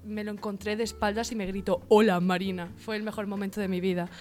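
A woman's voice: medium pitch, flat delivery, quick pace, a little mellow. Female voice actor from Murcia, chatty, conversational. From Spain, Murcia. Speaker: voice actor co-host. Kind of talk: casual podcast chat.

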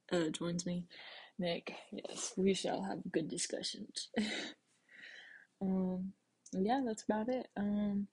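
A woman's voice: lowish voice, darkish tone, slightly rough. A young woman hosting her first solo podcast, talking casually and rambling, with self-deprecating asides to her listeners. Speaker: podcast host.

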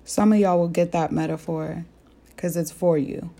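Young woman, earnest faith podcast host, soft and warm, slightly low voice. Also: fairly even intonation, normal speed, vocal fry. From American Southwest. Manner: earnest storytelling with direct questions to listeners. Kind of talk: faith-based reflective talk.

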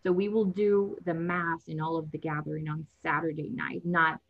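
In a dull lo-fi recording, a young woman from Latin America whose first language is Spanish talks as a casual interview guest. Her voice is low and level with vocal fry and a moderate pace, and a little nervousness shows as she laughs and restarts her sentences.

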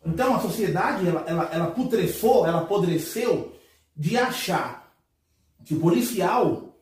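A man's voice: high voice, animated, normal speed. A man from Brazil on a podcast panel, arguing his points emphatically in a heated roundtable debate and repeating words as he builds up. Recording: echoey room, mic at a distance.

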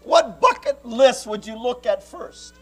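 High, lively preaching man. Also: slow pace, faint music behind. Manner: preaches in short phrases, shouting the climaxes, dropping low between. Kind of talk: sermon with live interpretation.

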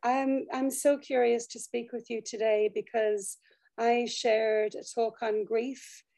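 A woman hosting a conversational interview, with a slightly croaky voice tired from teaching. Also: fairly high pitch, flat delivery, slow, warm tone. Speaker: podcast host and interviewer.

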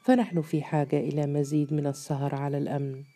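A man reading the lines of a thoughtful male physician who gives measured counsel. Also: a little high, flat delivery, dark tone, lightly acted.

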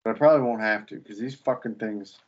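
A man's voice: on the low side, fast, dull audio. Profane, joking man on a podcast. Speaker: podcast co-host. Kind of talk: casual chat.

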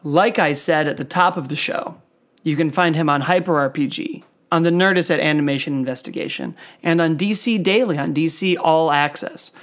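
A man's voice: fairly high pitch, moderate pace, a bit bright. A man hosting a podcast in a casual, conversational way. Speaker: podcast host.

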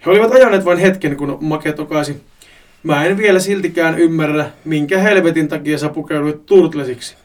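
A man reading a crude comic story on a podcast with lively delivery. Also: high-pitched, recorded from a distance.

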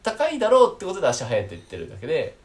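Curious, quick-talking man co-hosting. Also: a little high, wildly swooping pitch. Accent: slight Kansai. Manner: asks short curious questions, quick reactions. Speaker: co-host. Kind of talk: casual chat.

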